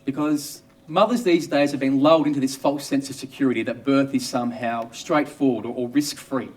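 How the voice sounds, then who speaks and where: A man's voice: medium pitch, fairly even intonation, brisk, distant mic. An Australian man, an obstetrician, telling a first-person story with wry, dry humour.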